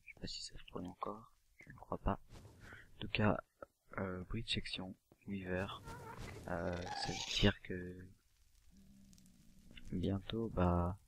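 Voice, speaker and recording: A man giving casual gameplay commentary, talking quietly and often half-whispering because it is late at night. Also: deep voice, little pitch movement, slow, vocal fry, long pauses, a little hiss or hum. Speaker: let's play gamer.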